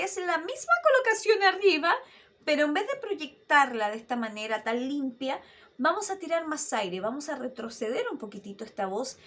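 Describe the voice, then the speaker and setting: A woman in her thirties coaches voice actors in an online dubbing lesson. Her voice sits a little high and swings widely in pitch. She keeps checking in with her listener through rhetorical questions. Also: husky. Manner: animated teacher, asks rhetorical questions, demonstrates voices. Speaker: voice-acting coach.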